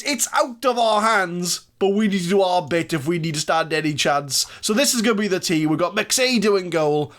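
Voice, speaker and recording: A gaming YouTuber jokes and pokes fun at himself in casual Let's Play commentary over a football management game. His voice sits high, with a fairly bright, smooth tone.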